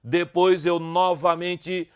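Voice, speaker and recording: Brazilian guy teaching a lesson, somewhat high voice, spells out sounds slow and exaggerated. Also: little pitch movement, clear, resonant tone. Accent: Brazilian Portuguese. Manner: slow, over-articulated demonstration of sounds. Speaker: online grammar teacher. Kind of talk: video lesson promoting a course.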